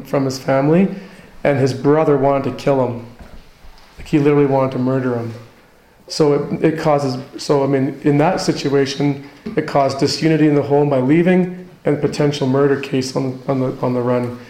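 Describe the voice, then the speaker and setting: A man's voice: medium pitch, warm tone. A man preaching a sermon in an earnest, conversational way, into a handheld microphone. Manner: earnest, conversational teaching with personal stories. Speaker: pastor. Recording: echoey hall.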